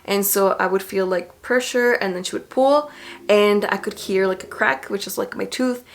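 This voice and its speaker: A young adult woman vlogger speaking in a casual, chatty storytelling way, informal and animated as she retells things to camera. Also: mid-range voice, moderate pace, vocal fry.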